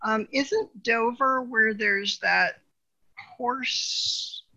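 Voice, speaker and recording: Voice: mid-range voice, drawn-out words, creaky, pushed and bright, no room sound, low-quality recording. A podcast co-host in a casual, rambling chat, with many "you know" fillers and frequent laughter.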